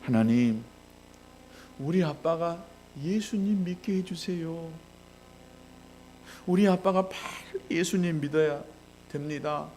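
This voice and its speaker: A man's voice: on the high side, takes it slowly, pauses often, a little mellow, a little hiss or hum, voice pushed up. A male pastor voicing an eager pleading young boy. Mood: praying. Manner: pleading, insistent.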